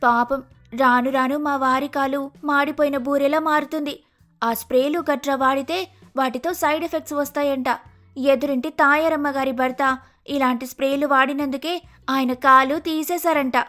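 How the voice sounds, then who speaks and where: A fussy young wife in shrill falsetto. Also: male voice, steady tone, normal speed, bright, forceful tone, soft background music. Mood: fussing. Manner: fretting, scolding.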